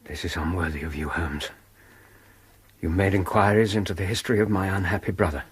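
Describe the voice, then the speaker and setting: An actor playing a proud, earnest doctor in a radio drama, formal and restrained, with a husky voice. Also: male voice, low-pitched, no room sound. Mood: hurt, indignant. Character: earnest, proud, easily wounded English male doctor, Watson.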